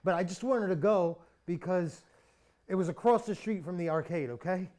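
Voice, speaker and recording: A man's voice: high voice, moderate pace, darkish tone, slight background noise, close to an everyday voice. A young man playing a cowardly, irresponsible slacker in a naturalistic comic drama, whiny and pleading as he babbles. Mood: nervous babbling.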